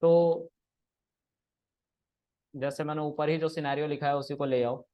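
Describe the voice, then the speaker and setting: A man's voice: a little high, fairly even intonation, a little slow, mellow. A man teaching programming in a casual classroom way, explaining step by step and checking that students follow. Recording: dull lo-fi recording.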